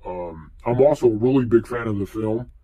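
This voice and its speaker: A young man reviewing a mask in a casual vlog, talking through a face mask, relaxed and rambling with lots of fillers. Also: mid-range voice, normal speed.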